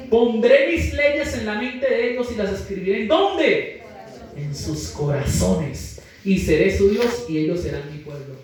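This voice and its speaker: A man preaching a sermon in an animated way, acting out the voices of the people in his stories. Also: on the high side. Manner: animated, acts out quoted voices. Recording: echoey hall, distant mic, faint noise.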